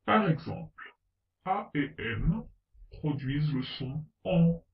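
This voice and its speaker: A man with a slightly raised voice narrates a language lesson at an unhurried pace. He sounds set back from the mic in a roomy, echoing space, and the sound is a little dull. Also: a little high, expressive, recorded from a distance. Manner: slow, deliberate, spelling out letters and example words. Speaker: French pronunciation teacher.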